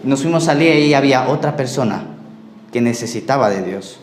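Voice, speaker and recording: A male pastor preaching a sermon and telling personal stories, acting out the dialogue and sometimes trailing off quietly. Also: medium pitch, animated, brisk, echoey room, faint music behind. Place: church.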